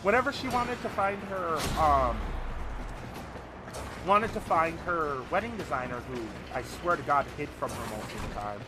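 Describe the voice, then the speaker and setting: A male streamer talking over his game in a lively, swinging voice that sits a little high for a man. He swears freely and jumps into quick acted-out quotes. Game music plays loudly underneath him the whole time. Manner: animated, profane, acts out quotes. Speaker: streamer host. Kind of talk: casual chat while gaming.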